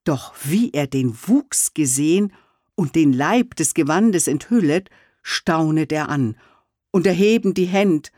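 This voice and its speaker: A reader reciting old verse in a measured, solemn way. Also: mid-range voice, expressive, a little mellow, dry recording, clean studio sound. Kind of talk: slow verse reading.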